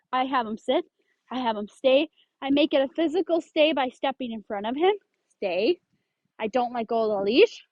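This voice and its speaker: A woman's voice: sits high, dry recording, dull audio. A woman dog trainer explaining leash handling step by step, giving firm short commands to a dog. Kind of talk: instructional demonstration.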